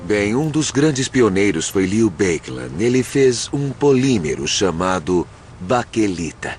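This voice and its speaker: A low, animated Brazilian scientist. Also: male voice, unhurried, faint music behind. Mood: explanatory. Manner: asks and answers own questions. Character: male scientist explaining chemistry with enthusiasm. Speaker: dubbed expert interviewee. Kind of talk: conversational explanation, documentary interview dub.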